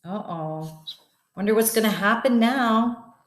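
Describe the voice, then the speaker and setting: A guest reader with a medium-pitched voice slowly reads a bedtime story to children in an echoey room. She's expressive, speaks to the little ones directly, and asks questions in a tone of wonder.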